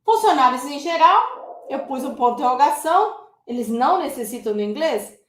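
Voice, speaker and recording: Teacher, woman, high voice, chatty and direct with viewers, echoey room. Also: moderate pace. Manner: lively, addresses viewers as "gente". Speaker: English teacher. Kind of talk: casual online English lesson.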